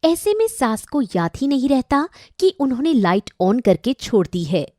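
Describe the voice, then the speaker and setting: Female storybook narrator, high animated voice, unhurried pace. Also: no room sound, clean studio sound.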